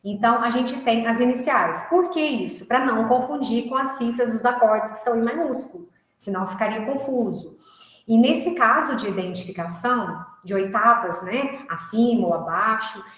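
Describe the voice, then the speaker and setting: A woman teaching a music class, walking through each point patiently and checking in with listeners as she goes. Her voice sits a little high for a woman. The sound rings heavily around a very echoey room. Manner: explanatory, checks in with tag questions. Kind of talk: recorded online class.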